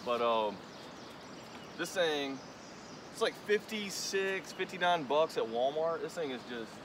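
On the high side and lively in intonation, this young man's voice competes with a noisy, rushing river. He's hosting a fishing vlog, chatting and explaining how he casts from the bank while a tripod camera records from a distance.

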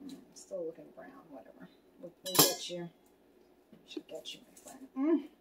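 Heavy background noise surrounds this fairly low-pitched, sing-song female voice moving at normal speed. In her home kitchen, she reviews a meal kit for a casual vlog, reading out recipe steps and chatting both to herself and to her viewers.

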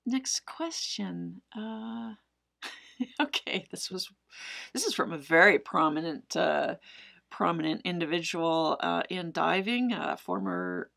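A middle-aged woman, a cave diver, answering viewer questions in casual to-camera storytelling, animated and full of fillers. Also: fairly low pitch, slow pace, gravelly. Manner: animated, gestures with both hands, frequent fillers. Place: indoors in front of a brick wall.

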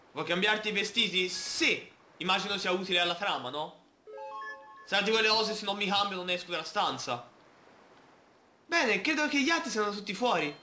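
A man's voice: sits high, sharp tone, reverberant. A man playing a video game, chatting playfully and reading the game's text aloud. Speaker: gamer. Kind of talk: Let's Play commentary.

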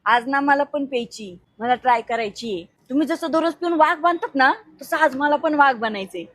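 A woman's voice: high voice, normal speed, a bit bright, no room sound. A woman acting the wife of a drunkard in a comic skit, scolding and pleading, with music behind her. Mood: defiant. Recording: background music.

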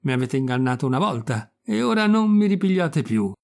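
A man's voice: a little high, sing-song, a little fast, gravelly, darkish tone. A man reading the part of a young wooden puppet boy in an audiobook, with an earnest, pleading tone. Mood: scornful.

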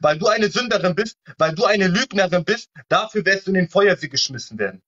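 A man's voice: high voice, animated, fairly quick, fairly bright tone. A man preaching in a heated live-stream debate, admonishing and repeating fire-and-brimstone warnings. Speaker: online evangelist. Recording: muffled lo-fi live-stream audio.

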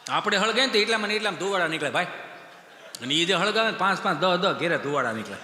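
A man's voice: high-pitched, animated, rapid-fire, pushed and bright, slight background noise. A man doing stand-up storytelling, acting out the voices of the people in his stories. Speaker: comedian. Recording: echoey hall with long reverb.

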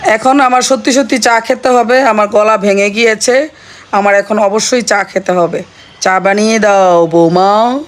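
A middle-aged woman, hoarse from shouting, playing a nagging mother-in-law in a playful family skit. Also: a little high, fairly even intonation, moderate pace. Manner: scolding and nagging in character, then chatty.

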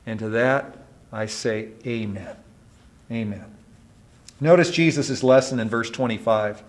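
A man preaching a sermon as pastor, earnest and emphatic, dropping soft at the ends of points and asking his listeners questions. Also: mid-range voice, unhurried. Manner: asks the congregation questions.

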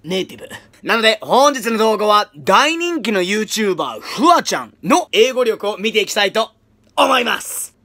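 A man whose first language is English gives playful, energetic commentary as he analyzes English. His bright voice swings widely in pitch. He often slows down to read example lines. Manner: energetic, playful, breaks into demonstration readings.

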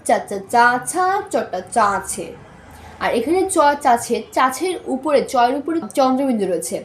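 High-voiced woman teaching recitation drills. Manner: slow, syllable-by-syllable demonstrations mixed with English words. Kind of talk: spoken recitation lesson with drills. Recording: echoey room with faint noise.

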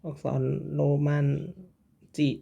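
A Japanese teacher gives a slow, step-by-step writing lesson, patiently repeating every syllable and the order of each stroke. His voice is dark in tone and he takes his time.

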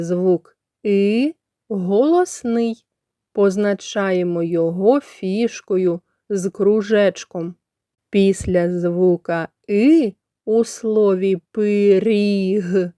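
A woman's voice: mid-range voice, dark tone, no echo, studio quality. A kindergarten teacher from Ukraine giving a lesson to young children, stretching out and repeating sounds as she teaches. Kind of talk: slow, clearly articulated lesson for young children.

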